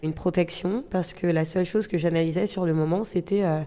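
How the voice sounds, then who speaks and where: A woman's voice: lowish voice, steady tone, fairly quick, warm tone. A woman in her twenties from Gabon, telling her own story in an interview, reflective and hesitant, with frequent fillers and restarts. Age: 20s.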